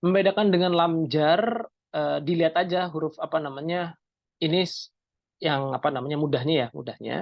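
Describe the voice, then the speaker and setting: Man, gravelly voice, dry muffled call audio, teaches step by step. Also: fairly high pitch, moderate pace, dry recording. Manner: explains step by step, asks and answers his own questions. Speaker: Islamic teacher. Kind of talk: online Arabic grammar class.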